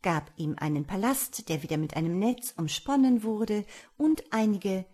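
A woman narrating a fairy tale in a calm, measured storybook reading. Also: medium pitch.

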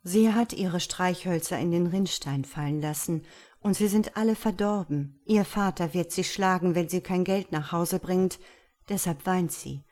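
A woman's voice: lowish voice, unhurried, natural voice. A woman reading a fairy tale aloud and voicing a selfless, sad statue prince who speaks earnestly and insistently. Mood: sorrowful. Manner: earnest, insistent, softly commanding.

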